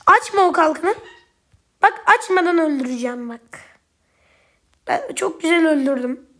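A woman with a high, light voice narrates her gameplay in a casual commentary. She flares up and swears at opponents easily, then turns to chat directly with her viewers. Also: animated, pushed and bright. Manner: quick to anger, swears at opponents; chatty, addresses viewers directly. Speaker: gaming YouTuber.

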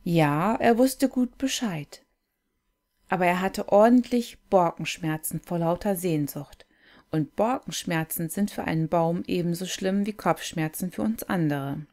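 A woman reading a classic fairy tale aloud. Her delivery is gentle, unhurried and contemplative. It suits a quiet storybook reading. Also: lowish voice.

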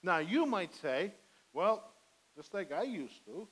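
A man's voice: high voice, big pitch swings, slow pace, a bit bright, husky, rough recording. A middle-aged man preaching a sermon from a church pulpit, earnest and pleading, on a headset mic. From Armenian heritage. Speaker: pastor. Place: church sanctuary, indoors, medium size.

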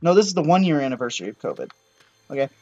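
A young man talks through a video game in a loose, rambling way and keeps breaking into excited yelps. His voice sits a little high for a man. Faint game music plays under him. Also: rapid-fire, no echo, muffled recording. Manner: casual, rambling, excitable outbursts. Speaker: gaming channel host. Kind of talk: let's-play commentary.

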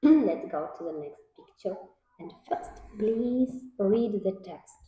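A young woman teaches a child in an echoey room, with slightly dull sound. She speaks slowly and simply, as to a little one, with lively swings in pitch. Her prompts are short and patient. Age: young adult. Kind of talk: one-to-one oral language questioning of a child. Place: small indoor classroom.

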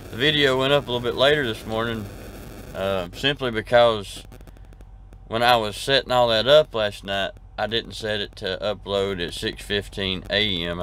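A man's voice: on the low side, a bit bright. A man, chatting casually to camera from his parked truck cab, rambling and easygoing with lots of fillers and restarts. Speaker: trucker vlogger. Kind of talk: casual vlog chat to camera. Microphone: camera at arm's length.

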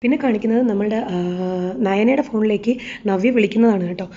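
A woman's voice: mid-range voice, fairly quick, warm tone. A woman, casually retelling a serial episode in a chatty way. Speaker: serial recap narrator. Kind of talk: casual story recap. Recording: slightly dull lo-fi recording.

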